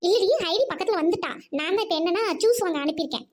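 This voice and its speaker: A woman's voice: very high voice, expressive, rapid-fire, slight background noise. A woman voicing a bossy married woman in a cartoon, the bride's protective older friend, who gives orders and scolds. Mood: fussy. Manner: scolding, commanding. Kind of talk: cartoon voice acting.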